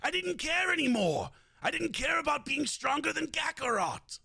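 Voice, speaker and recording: A man's voice: very high-pitched, big pitch swings, moderate pace, vocal fry, bright, forceful tone, no echo, clean studio sound, pitched above the performer's own voice, exaggerated voice. A man doing a proud anime warrior prince. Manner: intense, proud declaring.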